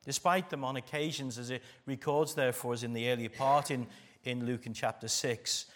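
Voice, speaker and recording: A man's voice: medium pitch, fairly even intonation, moderate pace, a bit bright. A man with an English East Midlands accent from Derbyshire, preaching a church sermon in an emphatic way, repeating phrases for weight. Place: speaking live to a church congregation.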